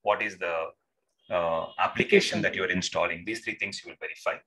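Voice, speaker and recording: Bright-voiced man, teaching. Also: low-pitched, brisk, poor audio. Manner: addresses learners as sir, checks with short tag questions. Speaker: instructor. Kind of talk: live online technical lesson, informal and interactive. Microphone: video call microphone.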